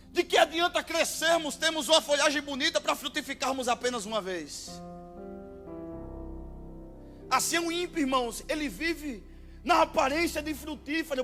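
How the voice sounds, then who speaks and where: High, bright-voiced Brazilian pastor preaching. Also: male voice. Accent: Brazilian Portuguese. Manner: impassioned preaching with shouted exclamations. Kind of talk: sermon. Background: faint music.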